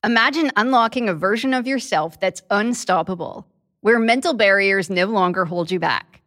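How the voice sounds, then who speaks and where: A woman's voice: mid-range voice, normal speed, a bit bright. A woman who hosts a podcast, reading a scripted promotional spot. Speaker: podcast host, therapist.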